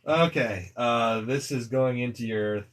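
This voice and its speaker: A man's voice: medium pitch, unhurried, a little hiss or hum, poor audio. A man acting as game master, explaining the rules step by step during character creation. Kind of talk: running a tabletop character creation.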